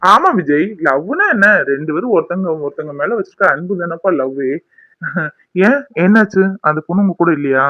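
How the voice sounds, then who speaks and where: A man's voice: high voice, very animated, normal speed, pushed and bright, no room sound, lo-fi sound, exaggerated voice. A man playing a teasing, friendly young husband. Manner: teasing, reassuring.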